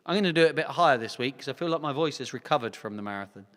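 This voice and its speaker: A man with a mid-range, slightly bright voice talks very fast with lively intonation. He's hosting a singing group livestream from a home setup, chatting to viewers in a rambling, self-deprecating, jokey way. He speaks into a talking mic set beside a separate vocal mic.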